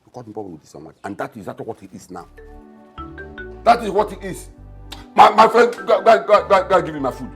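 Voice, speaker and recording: A man's voice: high voice, big pitch swings, fast talker, soft background music. An actor with a Nigerian accent playing a scoffing, bossy middle-aged father in a film drama. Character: gruff scornful middle-aged father, mocking and domineering.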